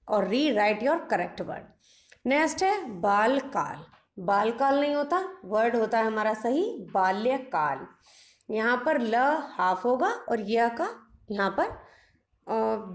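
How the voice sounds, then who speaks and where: A woman teaches a spelling lesson at an unhurried pace, saying each word twice before explaining how to correct it. Her voice sits slightly high. She drops English phrases into her explanations. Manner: repeats each word twice, slow and deliberate. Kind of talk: spelling lesson, reading words aloud.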